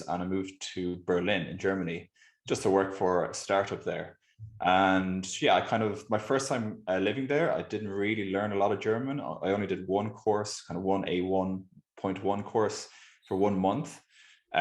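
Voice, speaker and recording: Low-voiced man with west of Ireland accent. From Galway, west of Ireland. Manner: informal, hedging with 'kind of'. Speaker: interview guest. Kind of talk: casual interview chat. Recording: roomy, echoey sound.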